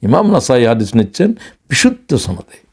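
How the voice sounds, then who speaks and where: A man giving a dramatic religious lecture, rising to exclamations and slowing down for quotations. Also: mid-range voice, sing-song, darkish tone, husky. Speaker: Islamic lecturer, former English teacher.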